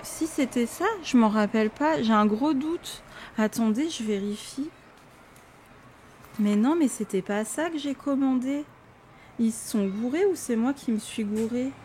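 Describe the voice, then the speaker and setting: A young woman from France chatting casually to camera in a vlog, animated and full of fillers. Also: fairly high pitch, a little slow, a little hiss or hum. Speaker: vlogger. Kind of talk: casual unboxing chat to camera.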